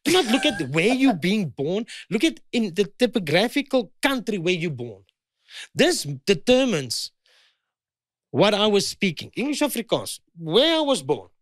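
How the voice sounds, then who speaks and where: A man's voice: high-pitched, big pitch swings, a little slow, no room sound, clean studio sound. A South African man in his fifties, a guest in a heated conversation, pressing and repeating his points. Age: 50s.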